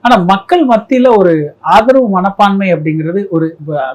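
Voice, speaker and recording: High-voiced man explaining in measured tones. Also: expressive, darkish tone.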